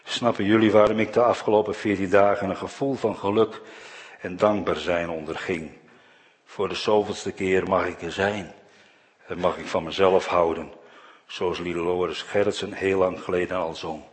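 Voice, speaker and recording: A man delivers a sermon in a low, deep voice. He speaks with earnest conviction, and his phrase endings fall away softly. A long church reverb trails behind every line. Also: fairly even intonation, moderate pace. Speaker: preacher.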